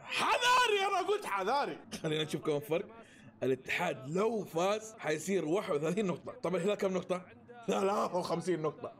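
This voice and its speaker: Guy reacting to a football game, real high voice, talks fast, yells when his team scores. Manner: excitable, bursts into shouted cheers and laughter. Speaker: football fan reacting to a match. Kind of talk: live match reaction.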